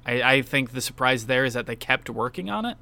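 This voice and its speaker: Bright, clear-voiced man talking games. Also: medium pitch, animated, fairly quick. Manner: candid, swears casually, enthusiastic asides. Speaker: podcast co-host. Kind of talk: casual game-awards discussion.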